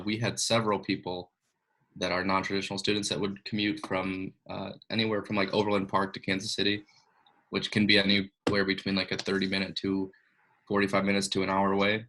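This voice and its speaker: A young man in his twenties from Illinois, a law student giving relaxed, conversational interview answers. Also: deep voice, fairly quick, slight background noise, rough recording. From Illinois, USA.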